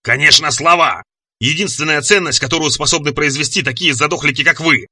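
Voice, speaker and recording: A man voicing a huge, boastful scaly monster that roars its lines slowly and menacingly. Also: fairly high pitch, breathy edge, no echo, clean studio sound, heavily acted. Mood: roaring. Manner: roaring, loud, slow and menacing.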